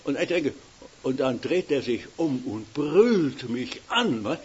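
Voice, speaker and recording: A man's voice: medium pitch, sing-song, slow, husky, muffled recording. An elderly man preaching a sermon in a folksy way, often checking with his listeners. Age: older. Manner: folksy, keeps tagging "nicht?".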